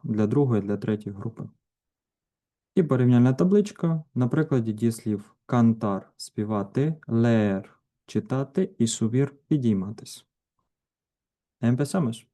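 Slow, dark-voiced male language teacher. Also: mid-range voice. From Ukraine. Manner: slow, deliberate, pausing between each verb form. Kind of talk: grammar lesson with conjugation drills.

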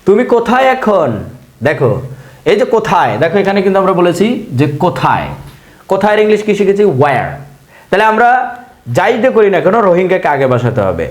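A man with a somewhat high voice teaching a spoken English lesson in an echoey room. He talks in a chatty way, repeating words to drill them and asking and answering his own questions. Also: big pitch swings, fast.

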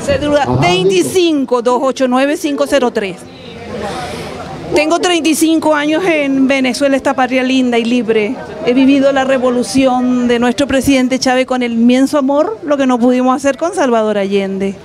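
An older Chilean woman with a Chilean accent and a high voice, speaking in an earnest, pleading way. Several handheld mics are held to her mouth, and a lively crowd is heard around her in an outdoor plaza. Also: normal speed. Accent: Chilean Spanish. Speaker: guest speaking on street radio. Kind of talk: emotional public appeal.

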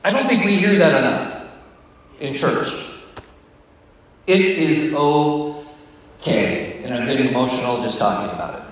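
A man's voice: a little high, expressive, a little slow, long pauses. A man giving a conversational, jokey and sometimes emotional devotional talk to a staff gathering, recorded on a phone on the podium. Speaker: devotional speaker. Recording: distant, echoey room phone recording.

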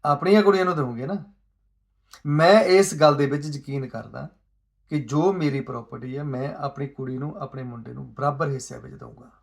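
A man with a mid-range, creaky voice talks fairly quickly in a steady tone. His earnest, pleading social commentary uses rhetorical questions and shifts between quiet asides and stronger emphasis.

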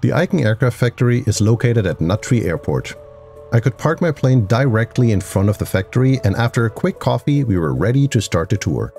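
A man narrating a scripted voice-over in an even, informative storytelling manner. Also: lowish voice.

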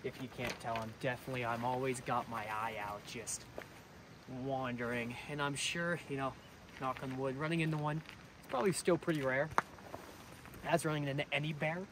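A young man hosting a casual fishing and camping vlog, talking excitedly to viewers from a riverbank and a truck camper, recorded on an action camera. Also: mid-range voice, normal speed, noisy background. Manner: excitable, chatty, addresses viewers as guys. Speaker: fishing vlogger. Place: riverbank outdoors, then inside a truck camper.

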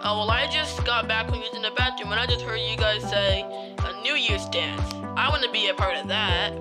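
A woman's voice: mid-range voice, brisk, over loud music. A woman playing out a plush toy story, chatty and bouncy as she voices many toys. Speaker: plush toy video creator. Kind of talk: playful plush toy role-play.

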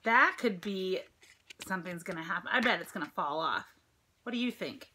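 With a fairly low, sharp voice, lively intonation and a moderate pace, a middle-aged American teacher reads a picture book to children, a little hiss or hum audible. She reads expressively and chats, asking her listeners questions. It was recorded at home on a phone or tablet held at arm's length, in a room with a dresser and ceiling fan.

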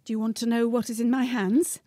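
A woman's voice: on the high side, little pitch movement, a little fast, dark tone, no echo, studio quality, natural voice. An actress playing a fragile, confused woman in her fifties in a period radio drama, plaintive and easily wounded. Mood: wary. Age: 50s. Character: fragile, confused older spinster, touchy and withdrawn. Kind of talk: 1940s-set radio drama acting.

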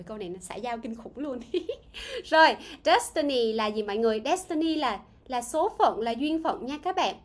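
This is a woman's high-pitched voice as she teaches grammar in a live stream. She reads out viewer responses, asks the audience questions, and slowly says words again.

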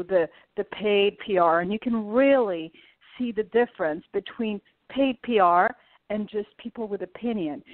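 A woman's voice: mid-range voice, dry recording. A woman from Portugal, a podcast guest, talking in a hesitant way with many fillers. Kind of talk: remote interview. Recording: tinny phone-like line, dry.

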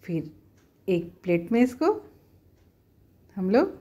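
A woman's voice: medium pitch, big pitch swings, takes it slowly, mellow, breathy edge. A woman at home, talking viewers through a cooking recipe step by step in a plain, homely, instructive way. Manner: homely, instructive, often says "dekhiye".

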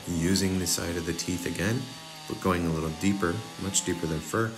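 In a brisk, low voice, a young man casually talks viewers through chainsaw carving, one cut after another, as their instructor. He keeps it relaxed despite the noisy background.

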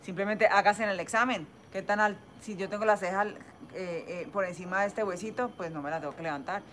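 A woman's voice: mid-range voice, a little fast, a bit bright, slight background noise. A woman plastic surgeon with a Caleño Colombian accent answers viewers' questions on a phone live stream, in a chatty, explanatory way that keeps checking in with "¿sí?". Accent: Caleño Colombian Spanish.

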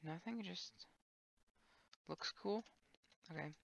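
A woman streaming a sandbox game, thinking aloud in a low-key, wry way with trailing filler words. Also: takes it slowly, creaky. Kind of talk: casual gameplay commentary. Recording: dull lo-fi dry mic.

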